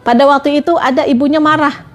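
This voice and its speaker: A woman's voice: high-pitched, fairly even intonation, quick pace, faint music behind. A woman preaching on a livestream, talking to her listeners as friends in a repetitive, coaxing way. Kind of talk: livestream religious talk.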